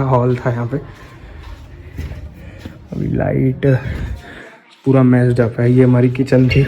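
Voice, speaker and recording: A man's voice: mid-range voice, noisy background. A young man casually showing viewers around the empty old house he grew up in, chatting to them like friends. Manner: chatty, addresses viewers as bhai. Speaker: vlogger. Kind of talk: casual home tour vlog.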